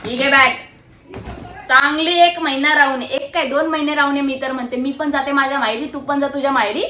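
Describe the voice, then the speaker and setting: A woman playing a loud, protective, bossy but doting mother-in-law in a comic sketch. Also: high-pitched, steady tone, brisk, roomy sound, a little hiss or hum. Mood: bold.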